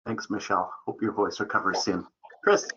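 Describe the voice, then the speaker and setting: A man hosting an online webinar as a program manager, speaking in a relaxed way with many fillers. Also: fairly low pitch, normal speed, a little hiss or hum. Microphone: video call. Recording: dull lo-fi call audio.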